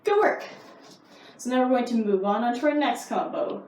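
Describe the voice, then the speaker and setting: A woman's voice: on the high side, brisk, a little mellow. A woman karate instructor explaining techniques in a casual, easygoing, informal way. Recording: roomy echo, distant mic, faint noise.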